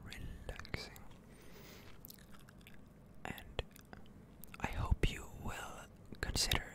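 The speaker, a streamer running a gaming channel, talks in a soft, breath-heavy whisper, giving gentle ASMR commentary with elongated words.

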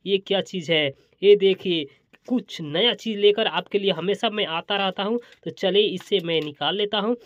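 A toy and gadget review host with a high-pitched, slightly bright voice runs a casual, hands-on product showcase, chatty and full of exclamations. He keeps repeating his phrases as he demonstrates, and the recording sounds muffled.

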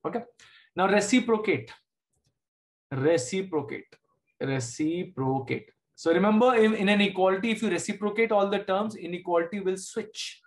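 A man's voice: high voice, steady tone, fast, few pauses. A middle-aged man with an Indian accent teaching a live online maths lesson, informally, checking understanding with short questions. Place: indoors at a desk, screen-share video class.

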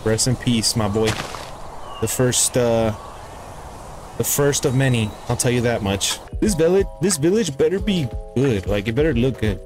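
A young man with a voice of middling pitch chats his way through a game session, excitable and talking to himself as things pop up on screen. Game music plays steadily behind him. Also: moderate pace. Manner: chatty and excitable, talks to himself while playing. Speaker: gaming YouTuber. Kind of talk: casual gameplay commentary.

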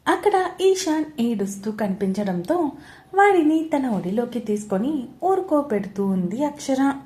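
A woman storyteller reading a serialized romance story aloud in a steady, expressive way. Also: high-pitched, unhurried.

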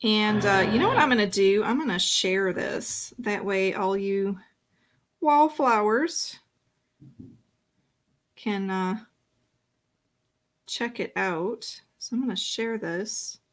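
A woman's voice: mid-range voice, slow pace, a bit bright. Chatty woman teaching painting live. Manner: chatty, self-talking while working. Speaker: painting instructor. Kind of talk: casual live-stream painting lesson.

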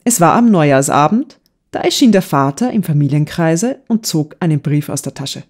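A woman's voice: sits low, lively intonation, normal speed, a little mellow. Woman narrating a classic novel. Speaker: audiobook narrator. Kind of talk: scripted narration.

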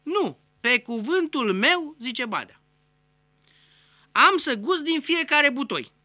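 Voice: sits high, sing-song, sharp tone, no room sound, studio quality. A host telling a string of jokes in a casual monologue, acting out the characters. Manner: acts out joke characters with raised voice.

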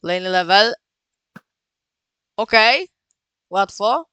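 A man giving casual, excitable gameplay commentary as the host of his own channel, often repeating words and calling out to his viewers. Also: sits high, slow pace, clean tone. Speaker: gaming video host.

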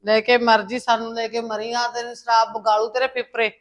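A woman's voice: a little high, flat delivery, brisk, natural voice. A woman with a Punjabi accent playing a fed-up wife and mother who scolds her drinking husband. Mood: scolding. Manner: scolding, nagging, bitter.

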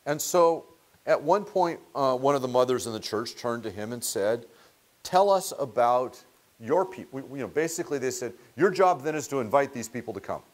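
A middle-aged man lectures a small group in a meeting room, picked up from a distance. His pitch rises and falls a great deal as he tells stories. He talks casually and sometimes breaks off a word to start it again. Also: moderate pace. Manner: conversational, animated, restarts mid-word. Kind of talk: storytelling seminar lecture.

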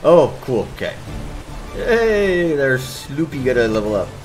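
A man's voice: mid-range voice, very animated, measured pace, soft background music, poor audio. A man hosting a game stream, chatting casually and cracking jokes, with the odd swear. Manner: laid-back, joking, swears casually. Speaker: streamer host. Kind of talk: casual gameplay chat.

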